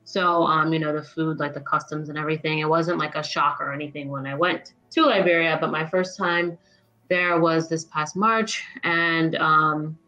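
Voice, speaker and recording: Relaxed young woman, low voice, video call. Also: normal speed, lo-fi sound, faint music behind. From Maryland, United States. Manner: relaxed, many fillers. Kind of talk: casual video call interview.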